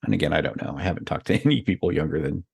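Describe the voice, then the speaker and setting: Very deep-voiced man telling a story. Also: lively intonation, very fast, gravelly, slightly rough, no echo, clean studio sound. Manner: storytelling, laughs often, many fillers. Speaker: podcast co-host. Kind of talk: casual conversation.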